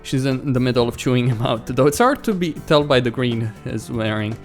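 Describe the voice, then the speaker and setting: Speaking fairly quickly at medium pitch, a man reads through a visual novel for a let's play, performing the lines and tossing in informal reactions with a bit of mild swearing. Game music plays underneath.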